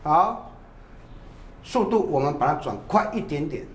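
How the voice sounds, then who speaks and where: A man's voice: a little high, sing-song, a little slow, echoey room, slight background noise. A man teaching a drum class who calls out counts and short cues between demonstrations.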